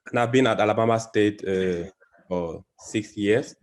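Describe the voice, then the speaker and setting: Over a video call, a Cameroonian biology professor gives an academic presentation, his speech halting and full of fillers and restarts. His voice sits on the low side.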